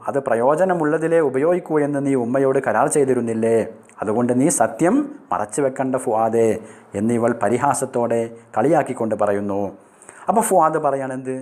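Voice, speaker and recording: Man, Malayalam speaker, Arabic teacher, slow reading of lines, word-by-word explanation. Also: mid-range voice, darkish tone. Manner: reads Arabic lines slowly, then translates and explains each word. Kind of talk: explaining an Arabic textbook play line by line.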